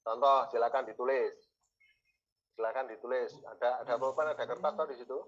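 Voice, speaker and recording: A man's voice: medium pitch, steady tone, brisk, dull audio. A man teaching a university class, repeating key words and asking his students questions. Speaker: university lecturer. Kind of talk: classroom lecture.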